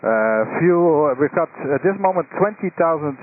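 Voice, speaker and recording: A man's voice: on the high side, expressive, normal speed. A man who is an airline pilot, talking over a cockpit radio in clipped radio phrasing with hesitant fillers. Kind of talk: air traffic radio exchange. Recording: tinny radio band with faint static.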